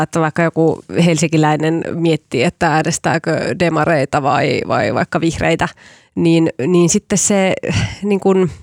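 A fairly high-pitched man with a gravelly edge to his voice, working through details on a discussion podcast. He lays out his reasoning patiently and methodically. The mic is close and the sound is completely dry. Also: a little mellow, no room sound. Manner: analytical, patient explainer. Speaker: podcast panelist, journalist. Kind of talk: casual discussion.

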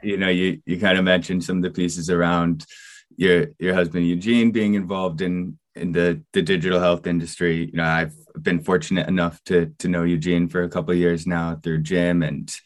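A man hosting a podcast interview in a casual, conversational and slightly halting way. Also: low-pitched, flat delivery. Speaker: podcast host.

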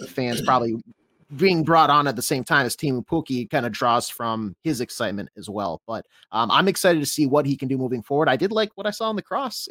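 An American man giving casual sports analysis on a podcast panel, thinking aloud in a halting way. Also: mid-range voice, fairly bright tone, no echo.

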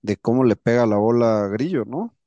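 A man co-hosts a golf podcast, chatting casually and repeating words as he goes. His mid-range voice is brisk and warm with lively intonation, heard on a dry recording with the highs cut off.

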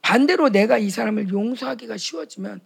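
Brief: high-pitched woman with a gravelly edge, fervent preacher who slips into acted-out exchanges. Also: lively intonation, fairly quick. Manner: impassioned, acts out quoted dialogues. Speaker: speaker at a retreat for pastors' wives. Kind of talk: sermon.

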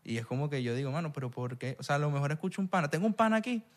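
A man's voice: on the high side, very fast. Young Venezuelan man, chatty guest. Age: young adult. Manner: animated storyteller who mimics other accents. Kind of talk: casual chat.

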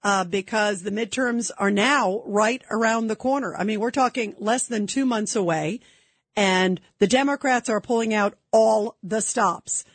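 A woman's voice: mid-range voice, unhurried, no room sound. A woman hosting talk radio, speaking as an election night analyst with emphatic, repeated points. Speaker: radio host. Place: radio studio.

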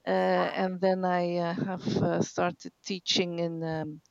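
A middle-aged woman from Belgium who speaks in a flat, monotone voice with a gravelly edge. She answers hesitantly and fills her speech with many pauses and fillers. The recording sounds dull, lo-fi and dry. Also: lowish voice, dry recording. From northeast Belgium. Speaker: professor, interview guest. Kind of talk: casual interview answers.

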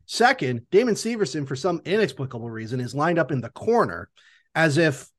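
A man's voice: a little high, very animated, fairly quick. A man co-hosting a sports podcast with casual analysis, emphatic and repeating words for stress.

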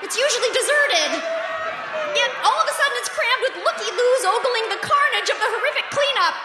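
A woman playing a cheery, increasingly frazzled supermarket announcer speaking over a store PA system, with chirpy announcer patter and deadpan asides. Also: very high voice, a little fast, a loud crowd, very noisy. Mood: exasperated. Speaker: sketch performer. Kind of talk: live radio sketch comedy. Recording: echoey hall with music behind.

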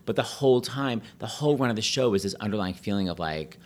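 A middle-aged man telling stories in a casual, animated chat, full of "like" and quick asides. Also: fairly low pitch. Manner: chatty, animated, peppered with "like".

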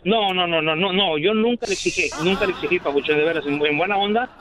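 A man's voice: high-pitched, quick pace. A man on a phone call, protesting over and over that he did nothing wrong, calling others mija and viejo. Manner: protesting, repeats no, calls people mija and viejo. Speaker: caller.

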